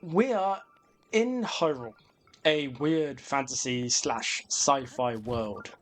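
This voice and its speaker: A man's voice: medium pitch, slow pace. A man hosting a comedic video essay on games, sarcastic and sweary, mixing scripted commentary with rambling asides.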